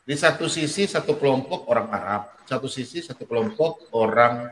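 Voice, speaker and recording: A man's voice: mid-range voice, expressive, moderate pace, roomy sound, slight background noise. A man in a casual discussion who poses hypothetical questions. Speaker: participant in online voice chat.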